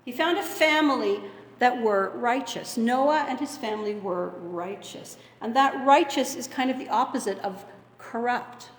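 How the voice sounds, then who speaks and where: A woman pastor preaches in a measured, earnest way, stretching out pauses for weight. Her voice sits fairly high and carries through a roomy sanctuary with a long, hanging reverb. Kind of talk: sermon. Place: church sanctuary. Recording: echoey hall with long reverb.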